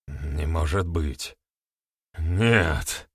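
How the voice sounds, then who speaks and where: A man's voice: very deep voice, drawn-out words, breathy edge, no echo, studio quality, pitched below the performer's own voice, full character voice. A man doing a panicky young accuser. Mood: despairing.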